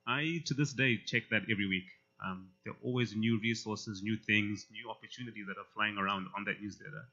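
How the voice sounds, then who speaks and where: A man emceeing a student pitch competition in a casual way, with many fillers between announcements. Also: fairly even intonation, fairly quick, pushed and bright. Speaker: event emcee. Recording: slightly muffled event audio.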